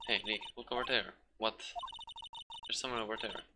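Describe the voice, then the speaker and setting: A man's voice: on the low side, fairly even intonation, brisk, noisy background, lightly acted. A man voicing a cheerful young female spirit medium from a game, in a chirpy way. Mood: upbeat.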